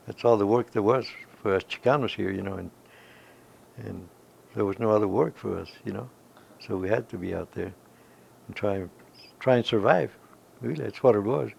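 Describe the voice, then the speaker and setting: A man's voice: lowish voice, creaky, darkish tone. An older man from Kansas, a veteran recalling his past in a rambling, emphatic way, full of "you know". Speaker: veteran interviewee. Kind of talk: oral history recollection.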